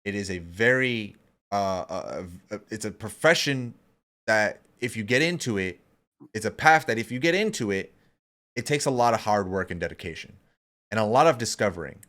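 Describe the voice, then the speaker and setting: A man's voice: lowish voice, expressive, normal speed, fairly bright tone. A man in his thirties co-hosting a podcast in casual chat, talking in an emphatic, profane, motivational way. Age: 30s. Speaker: podcast co-host.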